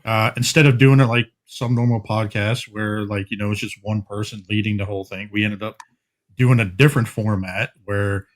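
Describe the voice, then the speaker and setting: A man co-hosting a podcast, telling how the show started in a rambling casual way, full of fillers and quick laughs. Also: fairly low pitch, fairly even intonation. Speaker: podcast co-host. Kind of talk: casual chat.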